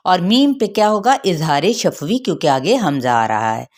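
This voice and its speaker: A woman teaching the rules of Quran recitation, chanting verses slowly and then explaining each sound, asking questions and answering them herself. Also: fairly low pitch, very animated. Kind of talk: tajweed lesson with recitation.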